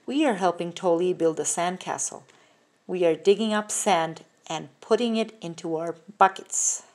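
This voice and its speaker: A woman reading a picture book aloud, slowly and carefully, asking the listener questions, recorded on a phone held over the pages. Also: fairly low pitch, darkish tone. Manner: slow, careful, sing-song with questions to the child. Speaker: reader. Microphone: phone filming the book up close.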